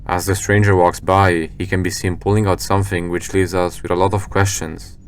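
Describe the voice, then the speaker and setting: A man reading scripted narration for a scary video compilation in a measured, serious storytelling manner. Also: deep voice, flat delivery, slight background noise.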